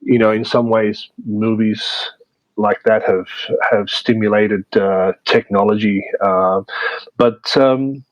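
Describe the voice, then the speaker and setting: A man answering interview questions in a measured way, with many fillers and restarts. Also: on the low side, steady tone, dry recording, highs cut off. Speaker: interview guest, media producer. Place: based in Vietnam.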